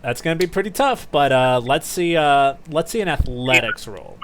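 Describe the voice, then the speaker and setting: A man acting as game master, narrating and refereeing a tabletop game casually, often pausing to think aloud. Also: on the high side, lively intonation.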